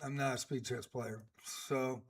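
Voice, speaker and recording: A man's voice: mid-range voice, fairly even intonation, unhurried. A man in his sixties giving casual live-stream chess commentary, chatty and rambling with many fillers. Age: 60s.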